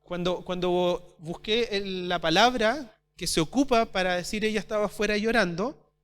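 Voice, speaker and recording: A man preaching a sermon as pastor at a church service, asking his congregation rhetorical questions and swinging between loud and soft. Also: sits high, moderate pace, smooth. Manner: addresses congregation as brothers.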